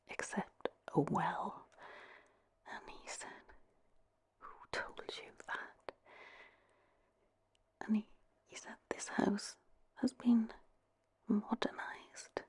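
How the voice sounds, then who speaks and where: A woman with a Welsh accent telling a story in a gentle, breathy, unhurried ASMR whisper. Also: lowish voice, no echo. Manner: unhurried, gentle delivery with long pauses. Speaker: host telling a story to listeners.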